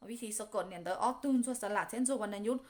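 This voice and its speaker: A woman teaching a spelling lesson, sounding out syllables slowly and repeating each one with many fillers. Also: medium pitch. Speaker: language teacher.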